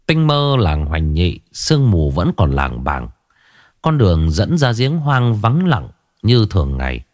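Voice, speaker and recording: Expressive male horror storyteller. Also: deep voice, unhurried, no echo, clean studio sound. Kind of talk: scripted horror narration.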